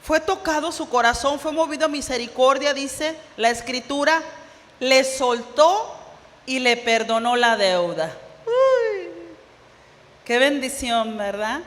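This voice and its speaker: A woman's voice: high voice, a little slow, a bit bright, long reverb tail. A woman pastor preaching a sermon, retelling a parable and putting questions to her congregation. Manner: storytelling, acts out parable dialogue, rhetorical questions to congregation. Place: church sanctuary.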